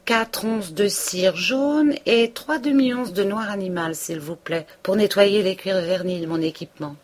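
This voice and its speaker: A woman's voice: mid-range voice, a little slow, voice pushed up, natural voice. A woman reading a novel aloud, voicing a male village tax collector who speaks curtly and slyly. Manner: curt and sly.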